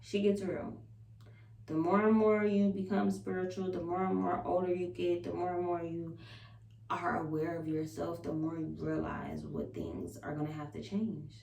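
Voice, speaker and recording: Chatting to viewers in a candid, confessional way, a female vlogger speaks emphatically, curses freely and repeats affirmations to herself. Her voice is on the low side and mellow, with vocal fry, at a normal speed. A distant mic picks up roomy echo and a faint hum.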